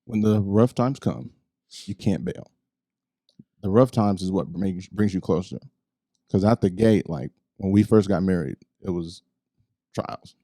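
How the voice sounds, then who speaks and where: A man talking casually on a podcast, reflective and pausing often with "um" as he shares his thoughts. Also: low-pitched, warm tone, no echo, studio quality. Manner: reflective, pauses with "um". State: married one year. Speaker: podcast co-host. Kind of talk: casual chat.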